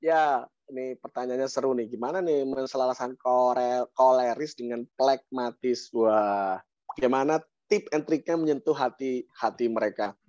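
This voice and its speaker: A man with an Indonesian accent giving a motivational mentoring talk on an online call, lively, with sudden rises and repeated phrases for emphasis. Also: mid-range voice, normal speed, no echo. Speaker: guest speaker, business mentor. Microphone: online call microphone. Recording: dry, dull online-call audio.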